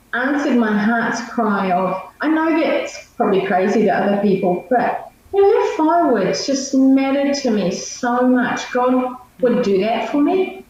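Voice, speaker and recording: Casting: New Zealand woman, higher-pitched, chatty informal storyteller, heard in a very echoey space. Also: darkish tone. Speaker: missionary guest. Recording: echoey, muffled, distant, faint noise.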